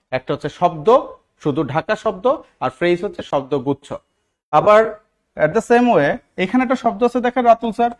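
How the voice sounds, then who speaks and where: A man teaching English grammar in a live online class, often asking his students questions and repeating key words. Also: high voice. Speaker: English teacher for job exams.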